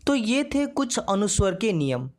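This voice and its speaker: A woman teaching a grammar lesson, slow and measured, drawing out each example word. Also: mid-range voice, very animated, a little mellow.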